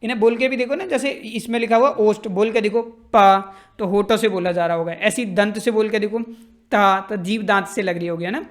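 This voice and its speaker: A man teaching a grammar lesson, explaining slowly and going over points again and again. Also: high voice. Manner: slow, repetitive explaining, sings example lines. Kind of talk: classroom lecture.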